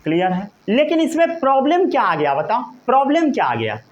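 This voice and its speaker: Male teacher, high and animated, slow deliberate delivery, constantly checks comprehension. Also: dull audio. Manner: repeatedly checks understanding with short questions; slow, emphatic dictation of key terms. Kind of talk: classroom lecture.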